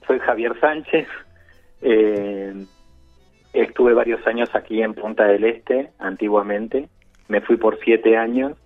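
A man with a Buenos Aires accent, a chef guest telling his story over the phone in an unhurried, reflective way. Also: on the low side. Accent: Buenos Aires Spanish. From Argentina, Buenos Aires. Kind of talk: phone interview. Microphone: phone line. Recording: tinny phone line with faint music.

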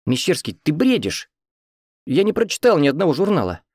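A man voicing an indignant, exasperated young wife in an audiobook, raising his pitch for her. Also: wildly swooping pitch, fairly quick, a little mellow, husky, dry recording, studio quality, exaggerated voice.

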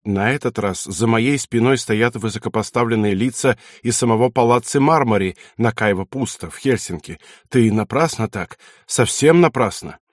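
A man's voice: medium pitch, moderate pace, hardly any pauses, no echo, studio quality, lightly acted. A man doing a curt cynical lieutenant. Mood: calm persuasion. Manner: curt and commanding, sometimes mocking. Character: hard, cynical young male army lieutenant.

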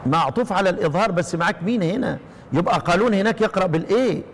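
A man with an Egyptian accent teaching the readings of a recitation poem. He keeps quizzing his listeners with repeated questions and chants the verses slowly. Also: high voice, expressive, big-room sound, crowd noise. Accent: Egyptian Arabic. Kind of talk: explaining a recitation poem to students.

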